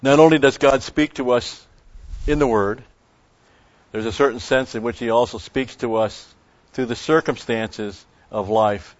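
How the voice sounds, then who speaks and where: A man preaching a sermon in a measured way, with emphatic stresses. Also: mid-range voice, steady tone, no room sound, dull audio. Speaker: pastor.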